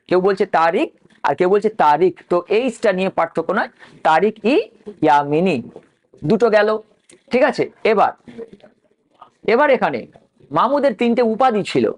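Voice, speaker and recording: Man dictating a history lecture. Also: high voice. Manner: dictates terms letter by letter, asks and answers own questions. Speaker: history teacher. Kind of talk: online exam-prep lecture.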